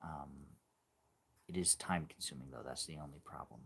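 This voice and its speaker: Man in his forties, deep low voice, casual livestream host, halting and musing, faint hum behind. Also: creaky. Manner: halting, musing, trails off softly. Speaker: animator hosting a livestream.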